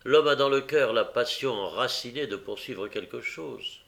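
A man narrates a novel aloud with dramatic expression, his voice gravelly and creaky at the bottom. His pitch sits in a middling range for a man, and the reading rises and falls with the story. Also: moderate pace, a bit bright. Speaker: audiobook reader. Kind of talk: audiobook narration.

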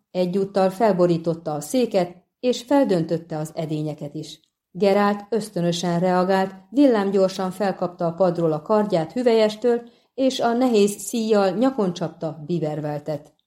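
Female audiobook narrator, low and warm, steady pace. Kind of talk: scripted narration.

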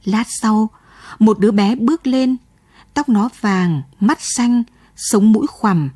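A woman narrating a late-night radio ghost story in a slow, sorrowful reading. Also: mid-range voice, darkish tone, no echo, clean studio sound.

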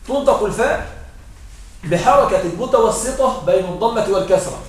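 A man teaches a grammar class in a high voice, explaining each point patiently and repeating it. He keeps checking that a student is following. His voice reaches the mic from across a strongly echoing room. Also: a little hiss or hum. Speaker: Arabic morphology teacher. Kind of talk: classroom lesson. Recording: very echoey room, voice heard from far off.

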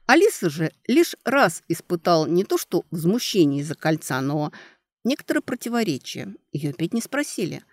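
Lady reading a fantasy audiobook, lowish voice, bouncy pitch, dry close sound. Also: very animated, moderate pace, no echo. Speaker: audiobook narrator. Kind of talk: scripted audiobook narration.

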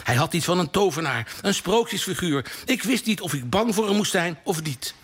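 A man's voice: high voice, moderate pace, slightly rough. Een man van in de vijftig uit Nederland die op een levendige, theatrale manier een kerstverhaal voorleest. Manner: animated, theatrical reading with lively voiced dialogue. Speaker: columnist reading a Christmas story. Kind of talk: scripted storytelling read aloud. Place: live radio broadcast from a hall.

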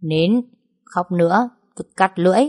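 A woman's voice: lowish voice, moderate pace, natural voice. Woman doing a stern scolding young master. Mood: gruff. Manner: curt, scolding. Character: gruff, stern young master of a rich house.

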